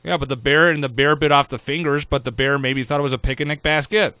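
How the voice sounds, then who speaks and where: A man's voice: medium pitch, steady tone, quick pace, pushed and bright, dry recording. A man hosting a talk radio show, ranting in a sarcastic, opinionated way.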